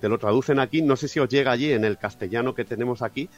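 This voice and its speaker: A man's voice: mid-range voice, quick pace, highs cut off, soft background music. A man from Catalonia with a fairly neutral Spanish accent, chatting as a podcast guest, often restarting his phrases. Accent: fairly neutral Spanish from Spain. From Catalonia, Spain. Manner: chatty, with frequent restarts and fillers. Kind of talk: casual podcast interview.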